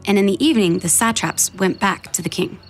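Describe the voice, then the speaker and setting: Woman narrating a Bible story, mid-pitched. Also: a little fast, soft background music, low-quality recording.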